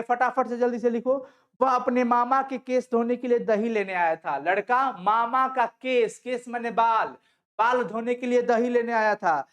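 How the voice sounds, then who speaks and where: A male teacher, giving an online class that explains a textbook story. He reads the text aloud, explains it, answers his own questions and reassures his students. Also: very high voice. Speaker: Hindi teacher.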